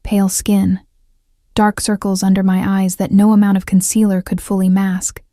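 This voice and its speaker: A woman narrating a first-person romance story in a measured, steady audiobook reading. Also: mid-range voice, no room sound, clean studio sound.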